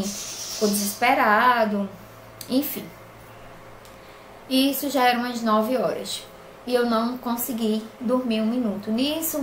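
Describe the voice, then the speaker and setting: A young woman tells a personal story for her vlog, earnest and plainspoken. Her voice sits a little high. The room around her rings noticeably, with a faint background hum. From Brazil. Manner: earnest, plainspoken, emotional retelling. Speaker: crochet vlogger. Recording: echoey room with faint ambience.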